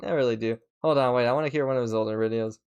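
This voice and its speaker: Excitable rambling male streamer. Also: medium pitch, very fast, smooth. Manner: excitable, swears, rambling restarts. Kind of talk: casual reaction stream chat.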